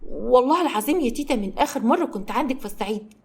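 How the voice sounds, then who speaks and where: A woman's voice: fairly high pitch, expressive, rapid-fire, breathy edge. A woman with an Egyptian accent voicing a stingy young wife who whines and defends herself. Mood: defensive.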